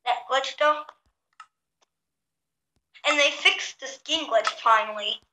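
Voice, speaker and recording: A woman's voice: high-pitched, slow. Woman with echoey bathroom sound. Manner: chatty, talks to viewers. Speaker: gaming channel host. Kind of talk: casual game chat. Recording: echoey bathroom, faint noise.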